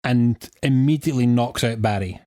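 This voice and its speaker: A man's voice: mid-range voice, normal speed, warm tone, dry recording, studio quality. A man co-hosting a podcast, retelling a game's story in a wry, laughing way. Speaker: podcast co-host narrating the game. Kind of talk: casual chat.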